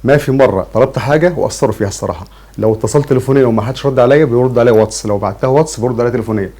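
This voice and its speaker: A man's voice: medium pitch, very fast, dark tone. A man in his fifties with an Egyptian Arabic accent, an earnest and grateful talk show guest. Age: 50s. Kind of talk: casual TV interview.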